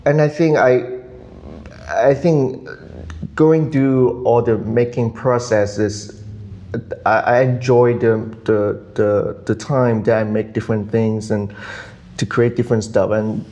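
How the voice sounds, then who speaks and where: Soft-spoken potter, halting. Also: male voice, mid-range voice, steady tone. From Hong Kong. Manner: halting, thoughtful, quick to laugh. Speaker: potter and guest. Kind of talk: casual interview chat.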